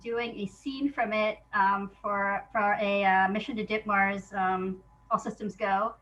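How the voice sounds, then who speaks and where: A woman playwright, appearing as an interview guest, chats casually about her work and tells it in an animated way, acting out remembered exchanges. Her voice is medium-pitched and unhurried.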